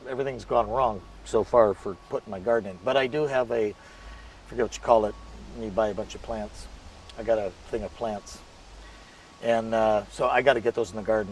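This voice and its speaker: A man with a gravelly, fry-edged voice rambles casually to the camera with plenty of fillers and restarts. He stands back from the microphone outdoors, with faint ambient noise behind him. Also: medium pitch, darkish tone, distant mic. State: out of breath. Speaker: gardening video host. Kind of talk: casual vlog talk to camera. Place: outdoors in a garden.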